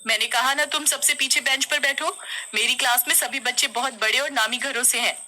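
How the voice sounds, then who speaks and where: A woman's voice: high voice, fairly even intonation, fairly quick, pushed and bright, pitched above the performer's own voice, full character voice. A woman voicing a stern, snobbish female teacher who scolds a poor pupil. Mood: scolding.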